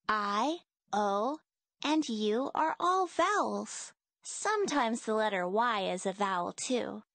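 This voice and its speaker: A woman's voice: high voice, no echo, full character voice. A woman voicing a friendly girl presenter in an educational cartoon, explaining things simply to children in scripted narration.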